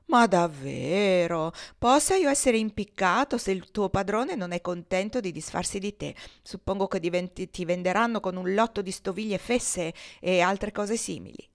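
A woman reading as a loud, jeering male buffoon in an audiobook, mocking and mimicking others with a raised, bright voice. He sounds playful and provocative, pitched higher and louder than the narration. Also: animated, normal speed, close to an everyday voice.

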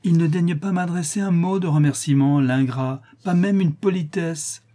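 A man voicing a passionate, impulsive young countess, pleading and effusive, his voice lifted higher. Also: normal speed, warm tone, close to an everyday voice. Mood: indignant.

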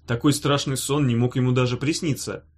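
A man reading a novel aloud in an even, measured narration. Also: mid-range voice. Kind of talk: scripted narration.

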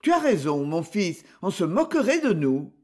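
A man doing a gruff, stout old father. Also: sing-song, normal speed. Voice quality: deep voice.

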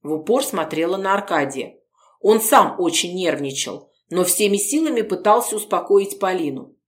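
A woman narrating a detective novel in the first person, with a measured, even reading. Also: lowish voice. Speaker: audiobook narrator.

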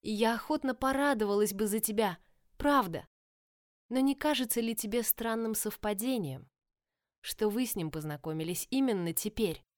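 A woman's voice: on the high side, moderate pace, no room sound, studio quality, close to an everyday voice. A woman voicing an anxious, protective young older sister, speaking urgently and pleadingly in an audiobook.

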